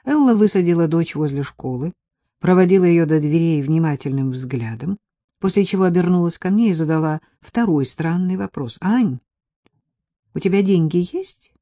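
A woman narrating a first-person audiobook in a measured, wry, intimate storytelling manner. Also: low-pitched, lively intonation, warm tone, dry recording, clean studio sound.

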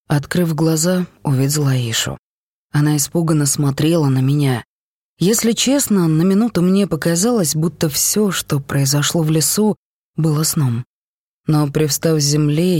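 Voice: mid-range voice, a little mellow, breathy edge, no room sound. Dry, close audiobook narrator. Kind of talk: audiobook narration of a first-person story.

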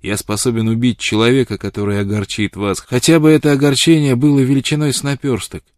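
Storybook figure: loud blunt old woodsman, read by a man, dry close sound. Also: medium pitch, fairly even intonation, fast, no echo, voice pushed up, natural voice. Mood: devoted. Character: gruff old frontiersman, blunt and devoted.

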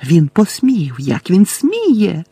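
A man voicing a fanatical dark witch who screeches and hisses with rage in an audiobook. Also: mid-range voice, big pitch swings, takes it slowly, breathy edge, dry recording, heavily acted. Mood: screeching.

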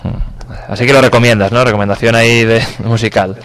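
A man's voice: medium pitch, fairly even intonation, fast talker, crowd noise. A man hosting a radio show in casual chat, laid-back and joking with his guests. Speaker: radio host.

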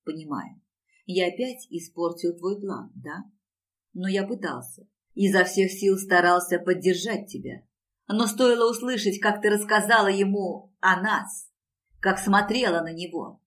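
A woman reading an audiobook and voicing an obsessive, jealous young man in a hushed, brooding tone. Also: high voice, unhurried, far from the mic. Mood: intense.

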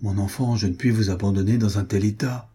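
A kindly old doctor, soft-spoken and careful, with a low, dark, mellow voice that carries a touch of huskiness, as a male narrator plays him. Storybook reading. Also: steady tone, a little fast, husky. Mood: gentle.

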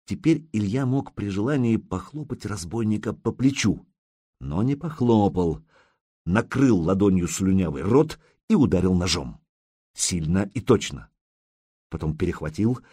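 A male audiobook narrator with a low, husky voice reading in an expressive, dramatic style. His pitch rises and falls a lot, and the recording is close and dry. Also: no room sound.

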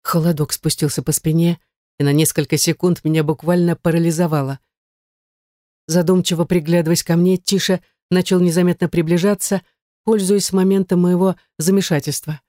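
A woman reading a first-person novel aloud in a dramatic, expressive way, close to the mic. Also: lowish voice, normal speed, dry recording. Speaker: audiobook narrator.

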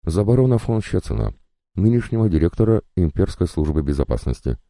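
A man voicing a cunning male professor and inventor, speaking softly and almost kindly. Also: low-pitched, very animated, brisk, no echo, studio quality, pitched above the performer's own voice. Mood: calm, assured. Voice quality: soft, almost kind.

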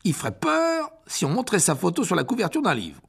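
A performer voicing a vain, evasive wizard teacher in a storybook reading, with a husky, gravelly voice, stammering through fillers and nervous laughs. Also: mid-range voice, wildly swooping pitch, fairly quick, heavily acted. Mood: smug.

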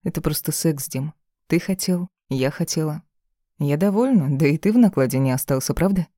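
Proud young woman, offhand and cutting, in a mellow tone, as the audiobook reader puts her on. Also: deep voice, expressive, moderate pace, no room sound, clean studio sound.

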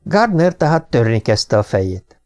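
Audiobook narrator, man, warm dark timbre, dramatic delivery. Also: mid-range voice, big pitch swings. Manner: dramatic storytelling. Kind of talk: scripted narration.

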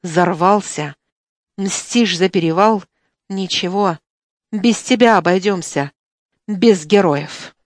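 A woman's voice: medium pitch, slow pace, long pauses, no echo, clean studio sound, close to an everyday voice. A woman reading an audiobook, voicing a stern male activist who speaks in a curt, reproachful way. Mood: indignant. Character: stern male activist, proud and quick to anger.

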